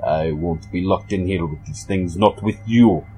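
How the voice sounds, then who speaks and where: A man's voice: sits low, a little slow, a little mellow, faint music behind. A man voicing a panicked male researcher with a put-on Russian accent, screaming and demanding answers in a creepy story reading. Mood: frantic.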